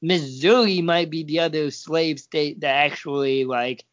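An easygoing man from Oregon chats on a podcast and agrees readily, with a fairly high voice. The sound is dry and close, with a dull lo-fi quality. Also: measured pace, dry recording. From Oregon, USA. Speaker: podcast co-host. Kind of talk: casual chat.

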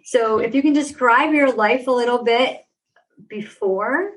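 A woman's voice: on the high side, unhurried, rough recording. A woman hosting a podcast, introducing her guest with effusive praise. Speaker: podcast host.

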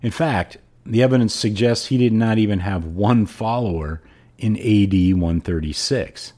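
A man hosting a podcast and reading aloud in a hoarse, froggy voice. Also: lowish voice, moderate pace, a little mellow. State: hoarse throat. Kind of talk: audiobook-style reading and podcast sign-off.

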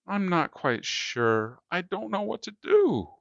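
A man voicing a frail little old woman who speaks softly and hesitantly. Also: sits high, big pitch swings, slow pace, gravelly, no room sound, muffled recording, voice pushed up, heavily acted. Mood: unsure. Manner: soft, unsure and hesitant.

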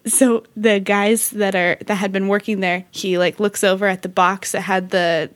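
A woman in a casual movie discussion, retelling scenes in a lively way. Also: medium pitch, moderate pace.

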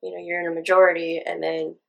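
A woman's voice: lowish voice, little pitch movement, fast talker, vocal fry, poor audio. A woman interviewing a guest in a casual conversation, asking curious, probing questions.

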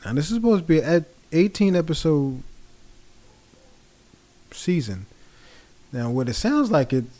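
Male vlogger with a warm, mellow voice and relaxed, rambling delivery. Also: a little high, a little slow, pauses often. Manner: rambling, relaxed, many fillers. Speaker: pop culture vlogger. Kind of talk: casual commentary.

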